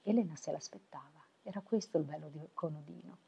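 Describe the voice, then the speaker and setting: A woman reading a novel aloud for web radio, steady and unhurried. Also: sits low, creaky, husky. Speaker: volunteer reader.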